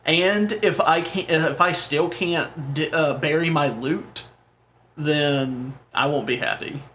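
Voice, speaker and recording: A male podcast co-host talks about games in loose, rambling chat, stopping to correct himself mid-sentence. His voice sits a little high. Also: slow pace, fairly bright tone, a little hiss or hum. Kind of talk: casual chat.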